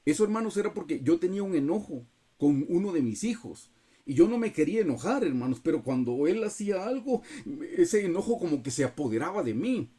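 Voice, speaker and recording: Hombre, acento guatemalteco, pastor, voz ronca, timbre oscuro, prédica sincera por videollamada. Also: male voice, on the high side, big pitch swings, fairly quick, dark tone, husky. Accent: Guatemalan Spanish. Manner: earnest, keeps addressing listeners as brothers. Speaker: pastor leading a Bible study. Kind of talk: sermon with personal testimony. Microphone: video call.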